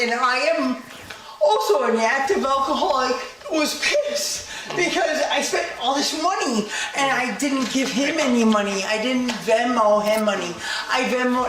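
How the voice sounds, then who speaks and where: A woman's voice: high-pitched, fairly bright tone. A drunk woman complaining in an agitated way to a police officer, swearing often. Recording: very echoey, distant, faint noise.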